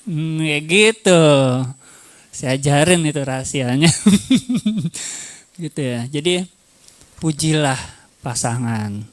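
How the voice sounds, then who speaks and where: A man's voice: on the high side, slow, pauses often, no room sound. A man preaching at a church conference, joking and acting out quoted spouses in a raised voice. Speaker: pastor. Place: church hall.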